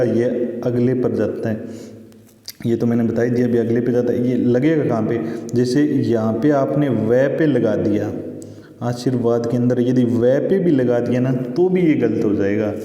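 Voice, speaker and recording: A man teaches a school grammar lesson in a patient, explanatory way, repeating points and checking in with his class. His voice is very dark and mellow. The sound rings around a roomy hall with a long reverb tail. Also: medium pitch, normal speed, lo-fi sound. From India. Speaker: Hindi teacher. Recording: echoey room with long reverb.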